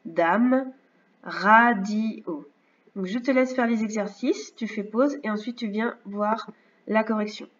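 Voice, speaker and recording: A woman teacher giving a remote reading and maths lesson to young children, speaking slowly and clearly and often checking in with "d'accord?". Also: mid-range voice. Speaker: first-grade teacher. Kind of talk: remote lesson narration over slides. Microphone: computer mic. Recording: slightly dull lo-fi sound.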